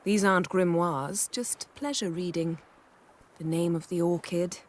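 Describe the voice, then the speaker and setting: A woman's voice: fairly low pitch, fairly even intonation, measured pace. An actress playing a composed female sorceress in a video game, with cool, wry delivery.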